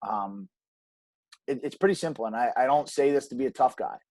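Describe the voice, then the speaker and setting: Earnest male guest, mid-pitch, emphatic and repetitive, dry close recording. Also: a little fast, darkish tone, dry recording. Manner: earnest, emphatic, frequent restarts and ums. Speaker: podcast guest, gym co-owner. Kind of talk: conversational interview.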